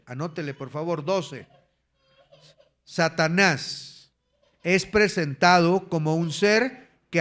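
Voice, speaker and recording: A man with an Ecuadorian Spanish accent preaching a sermon, teaching verse by verse and dictating numbered points for the congregation to write down. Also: on the high side. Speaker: pastor.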